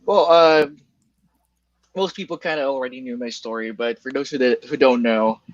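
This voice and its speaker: Speaking with a Filipino accent, a man from the Philippines whose first language is Bicol gives casual interview answers as a guest about his job as an email copywriter. His mid-range voice is halting, full of fillers and restarted sentences, with light laughter. The audio is dull and lo-fi, dry and close without room echo.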